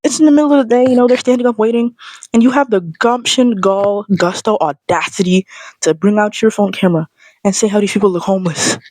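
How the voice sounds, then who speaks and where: A woman vlogger ranting in a sassy, animated, slangy way, straight to camera. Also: mid-range voice, brisk, dry recording. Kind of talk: casual ranting monologue.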